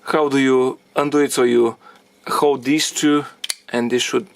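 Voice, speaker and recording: Man, DIY car repair tutorial, halting think-aloud phrasing, a bit out of breath, middle pitch. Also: fairly even intonation. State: out of breath from effort.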